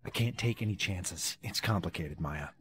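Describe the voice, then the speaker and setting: An actor playing John, a conflicted agent who is earnest and protective, in a short drama skit. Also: male voice, deep voice, lively intonation, normal speed, a bit bright. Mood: tender. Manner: pleading, earnest.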